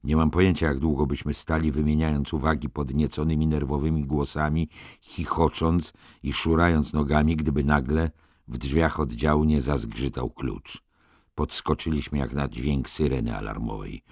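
A man reading a novel aloud in calm, even scripted narration. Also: rumbling low, normal speed, dry recording, studio quality. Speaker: audiobook narrator.

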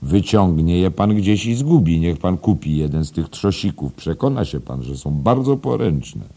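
A man's voice: low-pitched, expressive, moderate pace, dark tone, slightly rough, pitched above the performer's own voice, heavily acted. A man doing a pompous old schoolmaster. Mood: lecturing. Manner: preachy, self-satisfied, emphatic.

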